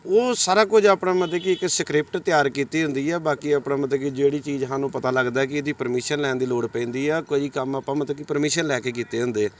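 A man's voice: mid-range voice, fairly even intonation, fast talker, few pauses, a little hiss or hum. A young man, a singer, answering interview questions casually and modestly, leaning on filler phrases. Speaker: singer and actor, interview guest.

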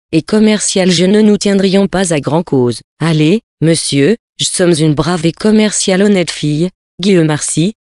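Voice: medium pitch, darkish tone, no room sound, studio quality, close to an everyday voice. A reader doing a brash old-Paris fishwife. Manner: brash, teasing, slangy. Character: coarse, bold Parisian fishwife haggling.

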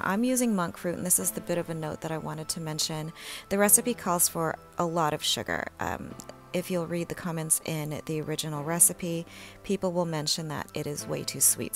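A young woman talking through her home cooking in a relaxed, chatty voice-over, with frequent ums and little laughs. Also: deep voice, gravelly. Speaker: home cook vlogger. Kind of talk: casual cook-along voice-over.

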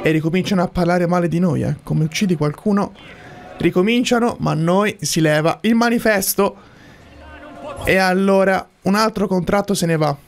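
A man's voice: high voice, moderate pace, vocal fry. A man giving casual, playful video game commentary as a streamer. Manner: playful, talks to game characters and viewers. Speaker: gaming streamer. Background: game music.

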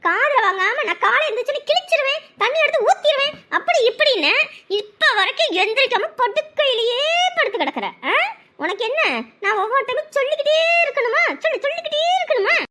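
A woman's voice: very high voice, animated, a little fast, bright, forceful tone, exaggerated voice. Nagging cartoon stepmother. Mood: scolding. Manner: nagging, scolding. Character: scheming, scolding stepmother, middle-aged woman. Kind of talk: Tamil cartoon voice acting.

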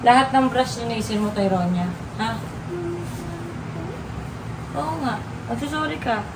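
A woman's voice: a little high, expressive, measured pace, roomy sound, recorded from a distance, noisy background. A mother scolding her daughter sternly in a vlog, repeating pointed questions. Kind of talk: vlog confrontation.

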